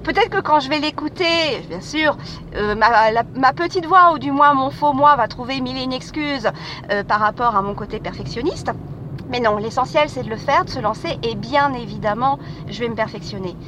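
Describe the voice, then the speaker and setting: A woman's voice: sits high, normal speed, fairly bright tone. A woman hosting her own podcast, talking in a hesitant, casual monologue full of fillers and restarts. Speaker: podcast host. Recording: street noise with passing vehicles.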